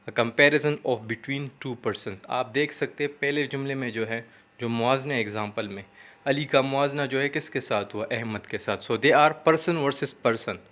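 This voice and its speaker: A man teaching a grammar lesson with a Pakistani English accent, explaining each point slowly in English and then repeating it in Urdu. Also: medium pitch, fairly bright tone. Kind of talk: classroom grammar lecture.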